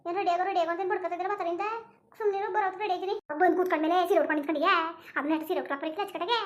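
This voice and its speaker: A woman's voice: extremely high pitch, fairly even intonation. A woman voicing a nagging, scolding middle-aged village mother in a cartoon. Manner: scolding, rapid-fire nagging.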